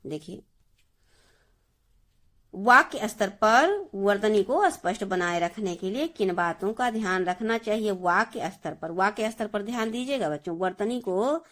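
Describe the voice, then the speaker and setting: A woman's voice: mid-range voice, lively intonation, measured pace, a bit bright. A woman Hindi teacher giving a grammar lesson, explaining step by step and repeating each word for her students. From India.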